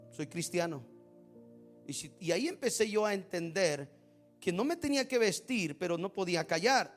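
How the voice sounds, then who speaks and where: High-voiced preacher, faint music behind. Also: male voice. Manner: preaching with rising emphatic bursts and acted-out quoted prayers; asks the congregation rhetorical questions. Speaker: pastor. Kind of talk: sermon.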